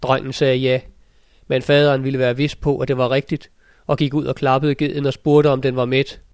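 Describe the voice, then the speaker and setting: Male narrator for a fairy-tale audiobook: mid-pitched, steady, very level intonation. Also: no room sound, clean studio sound. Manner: steady, measured storytelling. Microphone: close studio mic.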